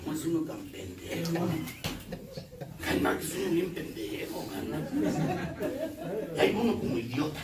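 A man's voice: a little high, expressive, measured pace, pauses often, over a noisy crowd. Profane Mexican man in a roomy hall. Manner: coarse, profanity-laden, lecturing. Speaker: speaker at a recovery group meeting. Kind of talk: confessional testimony. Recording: roomy, distant mic, faint noise.

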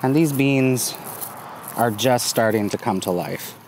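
Slow, easygoing man filming outdoors. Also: mid-range voice. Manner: relaxed, easygoing, lots of ums and uhs. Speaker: gardening vlogger. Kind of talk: casual walking garden tour. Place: outdoors in a sunny community garden. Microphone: phone held at arm's length. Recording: outdoor phone recording with traffic noise. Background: passing traffic and outdoor ambience.

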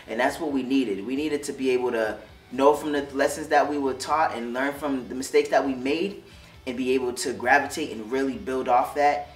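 A young male police officer speaks from the heart, with loose phrasing and restarts, in a mid-range voice. He is picked up from a distance in a roomy studio, with music faintly underneath. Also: medium pitch. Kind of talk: interview testimonial. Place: studio with curtain backdrop.

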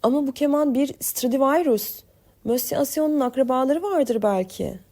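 A woman's voice: high voice, normal speed, mellow, pitched above the performer's own voice. A woman voicing a desperate young woman who pleads and coaxes in an audiobook story. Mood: earnest. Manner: pleading, urgent.

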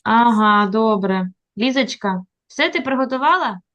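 A woman's voice: fairly high pitch, lively intonation, fairly bright tone. Patient teacher woman on a video call. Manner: patient, encouraging, slow coaxing prompts. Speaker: literacy teacher. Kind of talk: online reading lesson with a child.

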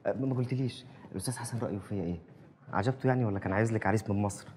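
An actor playing an earnest young university student with an Egyptian accent in a TV drama. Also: male voice, on the low side, very fast, a little mellow, slight background noise, close to an everyday voice. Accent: Egyptian Arabic. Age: young adult.

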